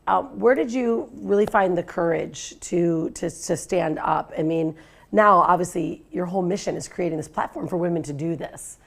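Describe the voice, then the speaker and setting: A woman's voice: fairly low pitch, normal speed, creaky. A middle-aged woman hosting an interview, asking questions in an enthusiastic, affirming way. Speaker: host. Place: studio set with armchair.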